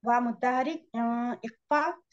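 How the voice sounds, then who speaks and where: A woman's voice: a little high, slow pace, dull audio. A woman student reading recitation exercises aloud, naming each letter and rule carefully. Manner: reads out letters and rules one by one, carefully.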